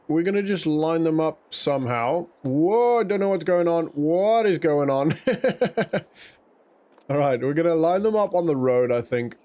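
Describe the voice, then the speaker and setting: This man's voice is fairly high and a little mellow. He's an Afrikaans-speaking gaming YouTuber giving casual let's-play commentary on a farming game, talking to himself, wandering off topic and laughing quietly at his own remarks.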